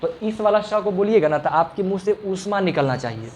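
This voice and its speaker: A man's voice: high-pitched, expressive, fairly quick, darkish tone, a little hiss or hum. A male teacher giving a classroom lesson, patiently explaining and repeating each sound for the students. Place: classroom with a fan running.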